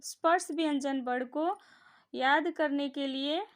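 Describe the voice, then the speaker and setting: A woman teacher gives a careful grammar lesson in a high voice. She speaks slowly and deliberately. She pauses to repeat each sound so listeners can say it with her. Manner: slow, patient, repeats sounds aloud for drilling. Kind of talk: classroom-style grammar lesson.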